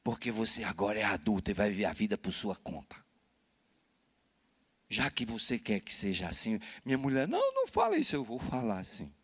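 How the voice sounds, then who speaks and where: A Brazilian man, a pastor, telling a personal story in a sermon, animated and often adding "né?" to his lines. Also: on the low side, moderate pace, breathy edge. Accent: Brazilian Portuguese. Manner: animated storytelling with frequent "né?" tags. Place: church.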